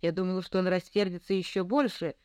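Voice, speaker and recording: A woman's voice: lowish voice, fairly even intonation, quick pace, a little mellow, smooth, no room sound. A woman narrating a first-person novel in an earnest, reflective manner. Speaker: audiobook reader.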